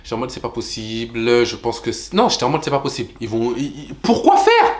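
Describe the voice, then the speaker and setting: A young man telling a personal travel story to his viewers in an animated vlog style, talking straight to them and jumping into high voices to act out what people said. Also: quick pace. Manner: animated, addresses viewers as "les gars", jumps into high voices for quotes. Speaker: vlogger.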